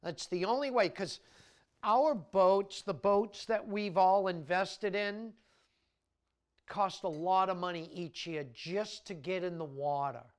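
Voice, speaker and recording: A man's voice: sits high, slow, smooth. A man who works as a charter fishing captain, talking casually in a documentary interview.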